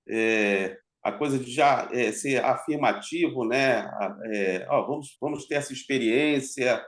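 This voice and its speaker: Brief: mid-pitched man, halting and searching for words. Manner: halting, many restarts and fillers. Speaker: mentoring participant. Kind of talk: casual chat.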